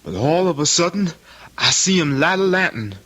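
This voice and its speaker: An actor playing a simple-minded, childlike country son with a Southern American accent and halting, repetitive speech in a radio drama. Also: male voice, on the high side, animated, pushed and bright, breathy edge, full character voice. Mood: distressed.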